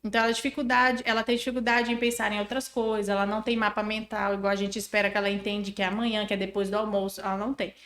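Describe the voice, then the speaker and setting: A woman and parenting educator, a guest on a podcast, explaining things in an animated, teacherly way and acting out examples. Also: mid-range voice, very fast, few pauses. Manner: didactic, animated, acts out examples. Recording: echoey room.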